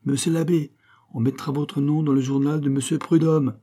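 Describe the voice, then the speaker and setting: A man's voice: a little high, steady tone, moderate pace, warm tone, pitched above the performer's own voice, natural voice. A man voicing a wheedling young villager. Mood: pleading. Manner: wheedling, mock-polite. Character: naive, sly young village man, pleading.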